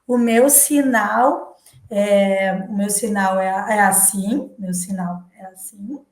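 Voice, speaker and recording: A Brazilian woman giving a teacher training talk, speaking slowly and pausing on purpose, with fillers and restarts. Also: medium pitch. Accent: Brazilian Portuguese. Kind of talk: educational talk. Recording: echoey room.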